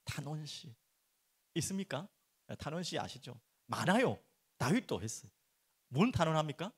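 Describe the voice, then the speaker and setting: A middle-aged man preaching a sermon as pastor, turning expressive when he acts out prayers and dropping soft and low for earnest points. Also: moderate pace, slightly rough. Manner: animated, acts out prayers and complaints in raised voice.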